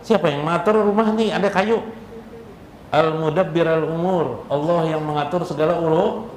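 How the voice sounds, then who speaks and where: This Islamic preacher, a man from South Kalimantan in Indonesia with a Banjar accent, speaks at normal speed in a slightly high, steady voice. His informal sermon is jocular and conversational, packed with rhetorical questions and blending local speech with Arabic phrases. It was recorded at an indoor religious gathering in an echoey room with faint background noise.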